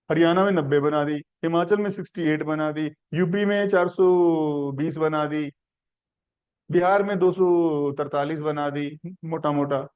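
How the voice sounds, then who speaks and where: A man's voice: sits high, darkish tone, dull audio. A man teaching a civics class, asking questions and building the answer step by step through simple examples. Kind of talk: classroom lecture.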